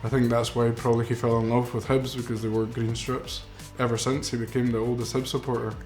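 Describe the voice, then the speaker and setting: In a roomy recording with music underneath, a man in his twenties who grew up in Mexico narrates a documentary about his grandfather's story. His mid-range voice holds a level tone and a slightly mellow quality, moving a little fast. He is a filmmaker, earnest and reflective, and drops in some fillers.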